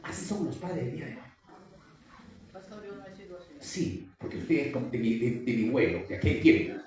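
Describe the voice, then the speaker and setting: A man's voice: mid-range voice, very animated, moderate pace, darkish tone. Man preaching in an echoey hall. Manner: questions and exhorts the congregation. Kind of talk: sermon. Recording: very echoey hall, distant mic.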